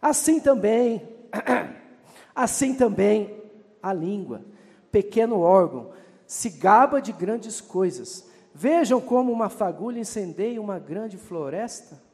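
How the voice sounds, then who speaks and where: A man's voice: sits high, animated, slow pace, darkish tone, long reverb tail. A Brazilian man preaching a fervent sermon, reading scripture aloud and calling out to the congregation. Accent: Brazilian Portuguese.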